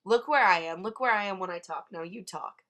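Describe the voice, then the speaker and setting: A teenage girl co-hosting a casual podcast chat, loud, blunt and teasing. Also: medium pitch, fairly quick, a little hiss or hum. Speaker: podcast co-host.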